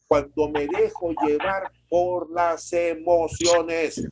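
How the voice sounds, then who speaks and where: A male pastor preaching an emphatic sermon on a video call, with dramatic pauses and sudden jumps in pitch. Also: steady tone, darkish tone.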